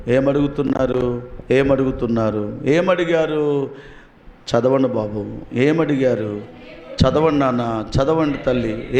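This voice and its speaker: A man's voice: mid-range voice, a little mellow, slight background noise. Echoey preaching male pastor. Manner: preaching with call-and-response questions to congregation. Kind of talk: sermon. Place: church.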